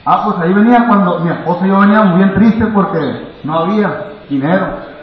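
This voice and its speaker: Mexican man, high-pitched, fervent church testimony with shouted praise, very echoey dull church mic. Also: a little fast. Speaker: church member giving testimony. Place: large church hall.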